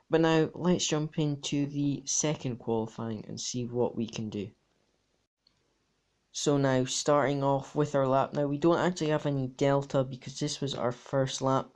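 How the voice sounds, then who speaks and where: Male sim racer, voice-over commentary, matter-of-fact, mid-pitched voice. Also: a little mellow. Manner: matter-of-fact, talks through laps turn by turn. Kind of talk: race replay commentary.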